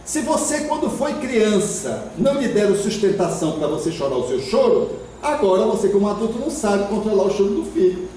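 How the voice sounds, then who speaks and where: A Brazilian man giving a spiritist lecture in a hall, expressive and acting out the voices of parents and children. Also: sits high, a little fast, slight background noise. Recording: echoey hall from far off.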